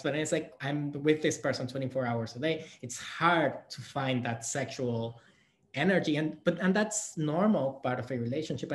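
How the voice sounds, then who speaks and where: A Guatemalan man with a mid-range voice responds to audience questions during a conference session. He comes across as thoughtful but halting, often restarting and leaning on fillers.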